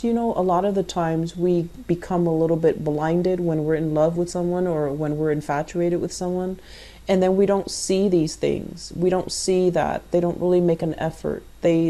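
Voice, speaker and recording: A woman who hosts a channel gives a conversational tarot reading, explaining the cards and addressing the listener directly. Her voice is warm and on the low side.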